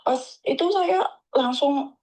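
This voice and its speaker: Seorang wanita menelepon dari luar negeri lewat sambungan telepon yang kresek dan putus-putus. Ia bercerita dengan santai dan sering tersendat. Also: female voice, high-pitched, darkish tone. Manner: chatty, halting with many restarts. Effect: crackly phone line that keeps breaking up. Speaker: caller from abroad. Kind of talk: casual phone chat.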